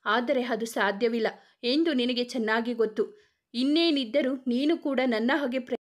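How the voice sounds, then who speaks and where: A woman's voice: on the high side, moderate pace, natural voice. A woman voicing the vengeful ghost of a murdered young woman, mocking her victim in a horror story. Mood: taunting. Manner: taunting, mocking.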